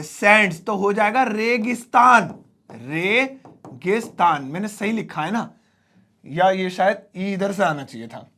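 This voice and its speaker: A man's voice: sits high, creaky, a bit bright. A man teaching an English lesson at a whiteboard, explaining words playfully, with jokes and mock exclamations.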